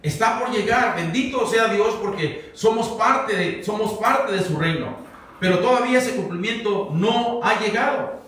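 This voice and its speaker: A man's voice: high-pitched, a little slow, a bit bright, slight background noise. A pastor teaching a verse-by-verse Bible sermon, talking conversationally and quizzing his congregation. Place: church sanctuary. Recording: very echoey hall, mic far off.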